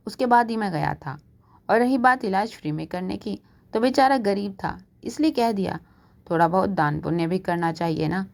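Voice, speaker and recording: A woman's voice: medium pitch, lively intonation, moderate pace, gravelly. A playful middle-aged husband and doctor, teasing and unbothered, as a woman storyteller puts him on. He brushes things off with easy jokes. A storybook reading. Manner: joking, easygoing.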